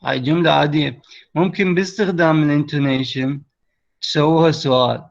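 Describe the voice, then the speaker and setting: A man's voice: on the high side, fairly even intonation, a little fast, vocal fry. Iraqi man teaching over a lo-fi call. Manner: explains step by step and checks that students follow. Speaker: English teacher. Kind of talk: online class explanation. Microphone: computer mic on a video call. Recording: lo-fi online call audio.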